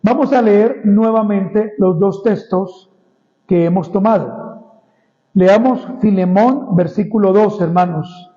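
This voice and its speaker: A pastor preaches an expository Bible sermon, reading scripture slowly and emphatically and frequently calling the congregation "brothers." His voice is high and the audio sounds dull.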